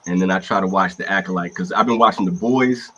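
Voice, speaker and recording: Lower-voiced man ranting animatedly. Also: fast talker, a little hiss or hum, rough recording. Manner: animated ranting, emphatic swearing. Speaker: podcast co-host. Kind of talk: casual chat.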